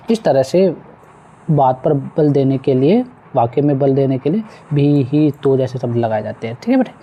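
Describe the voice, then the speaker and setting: During a school lesson, a man at medium pitch walks students through a textbook exercise with patience, repeating words along the way. The highs are cut off and a faint hiss or hum can be heard.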